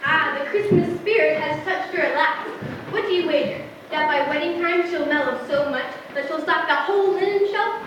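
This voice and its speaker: A woman's voice: sits high, normal speed, close to an everyday voice. A woman acting an exuberant, spirited young writer in a stage play, with an emphatic theatrical delivery. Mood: wry, brisk. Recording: echoey theatre, distant microphone, noisy.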